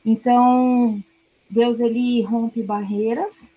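A woman missionary telling a lively testimony, acting out the voices in her story. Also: a little high, slow, poor audio. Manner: animated, acts out her own lines. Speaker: missionary guest.

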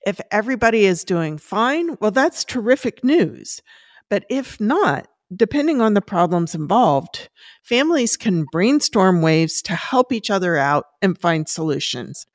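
A woman's voice: medium pitch, no echo, studio quality. Woman giving upbeat, tidy advice, closely recorded. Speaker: personal finance expert giving advice. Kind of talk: prepared advice segment in conversational interview.

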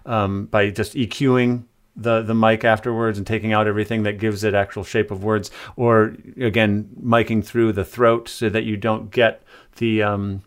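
On a remote interview call, a composer guest thoughtfully explains his work in conversational answers full of hesitant fillers. His voice is fairly low, flat and smooth, at a moderate pace with few pauses.

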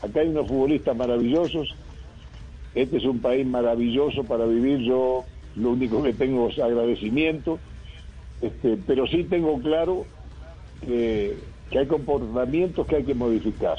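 A man's voice: mid-range voice, moderate pace, lo-fi sound, a little hiss or hum. A man from Uruguay, a football coach talking in a radio interview, thoughtful and rambling with many fillers and restarts.

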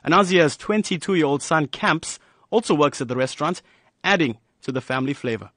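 A man reading a scripted news report in a smooth, measured way. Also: fairly high pitch, lively intonation, a bit bright.

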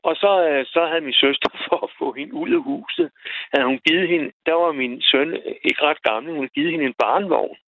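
A man calling in to a radio show, telling a personal story in a halting way, repeating words as he goes. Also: a little high, expressive, no room sound. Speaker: radio caller. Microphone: telephone. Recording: tinny phone line, dry.

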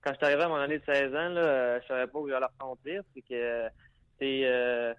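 A young man with a Lac-Saint-Jean Quebec French accent, answering interview questions hesitantly and filling pauses often. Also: mid-range voice, steady tone, clear, resonant tone, highs cut off. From Quebec, Lac-Saint-Jean region. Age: young adult. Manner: hesitant, many fillers and restarts. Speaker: hockey player guest.

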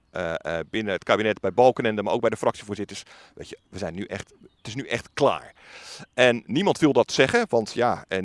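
A man, a former political reporter, recounting events in an interview, halting with many filler sounds. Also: fairly low pitch, dry recording.

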